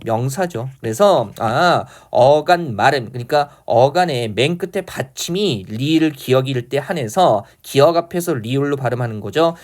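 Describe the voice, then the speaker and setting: A man giving an online exam-prep lecture on Korean grammar. He explains step by step and asks his students questions he then answers himself. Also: mid-range voice.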